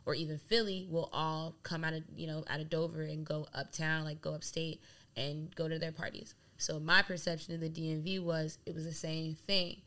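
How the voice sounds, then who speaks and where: A young woman, a DJ from Delaware, speaks at a moderate pace in a low-pitched voice while being interviewed as a guest. Her casual chat is animated and rambling, with frequent use of "like."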